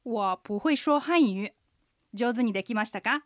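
A woman's voice: a little high, animated, measured pace, dry recording, clean studio sound. A woman co-hosting a radio language lesson as an interpreter guide, explaining phrases and tones patiently. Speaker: co-host, interpreter guide teaching Chinese phrases.

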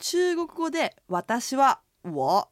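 A woman co-hosting a radio language lesson, explaining words in a lively way. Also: sits high, drawn-out words, dry recording, clean studio sound.

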